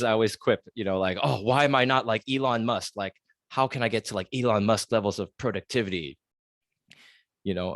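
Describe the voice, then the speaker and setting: An American man in his thirties hosts a solo podcast, giving a reflective monologue that is earnest and confessional, packed with fillers and restarts. His voice is on the low side with a fairly bright tone. It's recorded with studio quality and no echo.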